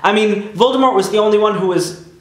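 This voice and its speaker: A man's voice: high voice, fast. A man with a slight lisp from braces, chatting emphatically and straight to viewers as a fan theory video host. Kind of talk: casual scripted-feel video commentary to viewers. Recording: echoey untreated room.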